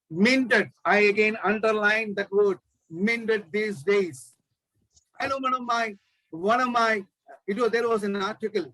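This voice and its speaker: A professor speaks at a press conference in a high voice. He is impassioned and presses his points with rhetorical questions and frequent restarts. The sound is dry and close, with no room echo. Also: a bit bright. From Kerala, India.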